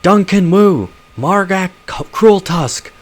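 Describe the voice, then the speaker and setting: A man's voice: high voice, lively intonation, slow pace, voice pushed up. A man voicing a stern male police officer giving orders in a game. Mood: commanding. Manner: commanding.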